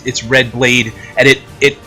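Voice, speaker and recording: A man narrating a tabletop role-playing game as game master, describing action in a halting way. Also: mid-range voice, level tone, pushed and bright, faint music behind.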